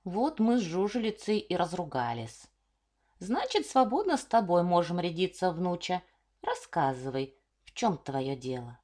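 Woman voicing a slow grey-haired old peasant. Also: lowish voice, big pitch swings, dark tone. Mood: calm. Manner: slow, reproachful. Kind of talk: storybook reading.

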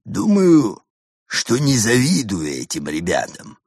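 A man doing a husky skeptical old wolf. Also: medium pitch, huge pitch swings, slow pace, a little mellow, no echo, studio quality, voice pushed up, heavily acted. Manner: dismissive, worldly-wise. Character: worldly skeptical male wolf.

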